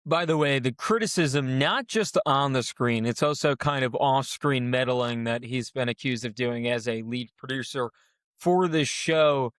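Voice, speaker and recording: A man co-hosting a casual reality-show recap, talking through events in a measured, analytical way. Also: medium pitch, a bit bright, clean tone, no room sound, studio quality. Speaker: podcast co-host.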